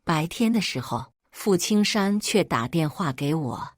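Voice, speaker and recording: Low-voiced woman reading a story. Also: big pitch swings, unhurried, dry recording, studio quality. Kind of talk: first-person story reading.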